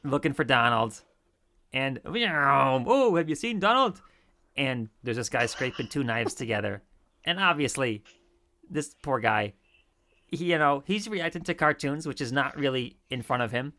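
Guy cohosting a podcast, bright tense voice, gets animated telling stories. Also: medium pitch, normal speed. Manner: animated, laughing, acts out quoted lines. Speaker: podcast co-host. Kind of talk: casual chat.

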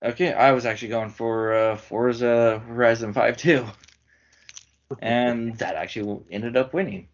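A man's voice: medium pitch, fairly even intonation, measured pace, dull audio. A man hosting a casual chat, leading his friends through a list of categories, his voice getting worn. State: losing his voice. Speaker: podcast host.

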